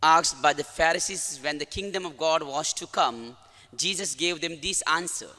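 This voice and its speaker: Indian english priest, high bright tense voice, big cathedral echo ringing after every line. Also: male voice. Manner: formal, measured liturgical delivery. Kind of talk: reading the gospel and preaching a homily. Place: large church. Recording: long church reverb.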